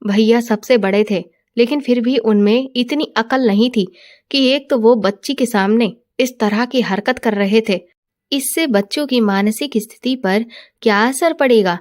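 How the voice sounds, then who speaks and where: A woman tells a first-person family story in a steady, expressive way. Her voice is a little higher than most. She keeps an even storytelling pace. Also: a little slow. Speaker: narrator.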